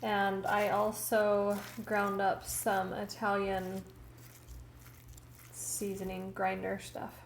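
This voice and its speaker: A woman narrating a casual cooking vlog in her home kitchen, calmly describing each step as she plates dinner. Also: medium pitch, gravelly, reverberant, a little hiss or hum. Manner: slow, homely commentary while plating food.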